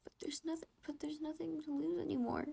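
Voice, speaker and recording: A woman's voice: high voice, steady tone, a little slow, vocal fry, mellow, breathy edge, exaggerated voice. A woman voicing an anxious, distressed teenage boy in a whispered role-play, with shaky, pleading, self-questioning speech. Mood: tearful.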